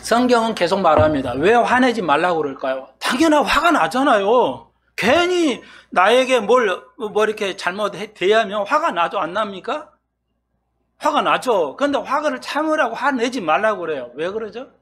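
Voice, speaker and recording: A man's voice: high voice, very animated, moderate pace, a bit bright, breathy edge. A male pastor preaching an expository sermon in a conversational way, often asking his congregation questions and playing out their replies.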